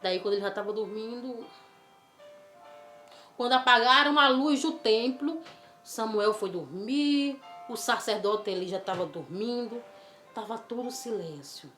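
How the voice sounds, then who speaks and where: Woman storyteller, animated and coaxing, fairly high voice, roomy echo, faint music bed. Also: a little slow. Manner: animated, coaxing, asks the child questions. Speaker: children's Bible storyteller. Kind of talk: storytelling for children.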